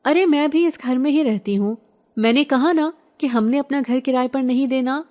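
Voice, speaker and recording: A woman's voice: mid-range voice, darkish tone, lightly acted. Woman voicing a spirited young village girl. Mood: agitated. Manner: pleading, scared, defiant.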